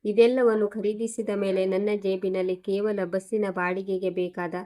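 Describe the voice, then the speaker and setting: A woman narrating a first-person moral story in a steady, earnest, scripted way. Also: medium pitch, normal speed.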